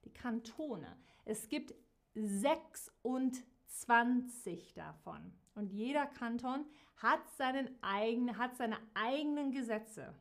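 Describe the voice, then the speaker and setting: A woman who teaches a live geography lesson to viewers, speaking slowly and clearly and repeating key words. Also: on the high side, lively intonation. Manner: slow, repeats key words, warm direct address to viewers. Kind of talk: slow, clearly articulated live-stream lesson.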